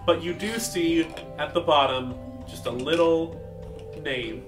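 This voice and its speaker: A man's voice: a little high, slow, over music. A man narrating a tabletop game as game master, casual and rambling.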